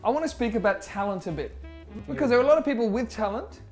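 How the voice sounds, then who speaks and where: A man's voice: very high voice, expressive, fast, music in the background. Earnest man asking questions. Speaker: host. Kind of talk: casual interview chat. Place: indoor games room with pool table.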